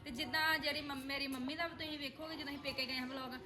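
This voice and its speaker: A woman with a sharp, thin voice, chatting quickly in a vlog. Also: high-pitched, flat delivery. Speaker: vlogger and actor. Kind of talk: casual chat.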